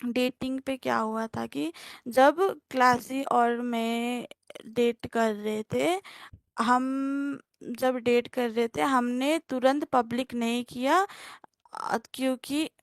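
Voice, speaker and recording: A woman's voice: fairly high pitch, steady tone, slow, no room sound, studio quality. A young woman telling her story on a livestream call, rambling and hesitant, with many fillers and restarts.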